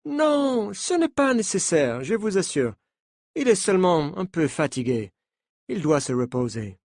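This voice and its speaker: A man's voice: sits high, sing-song, unhurried, darkish tone, dry recording, studio quality, voice pushed up, heavily acted. A man voicing a pushy middle-aged American sports coach who speaks with an American accent, insistent and controlling. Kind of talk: slow French-lesson story reading.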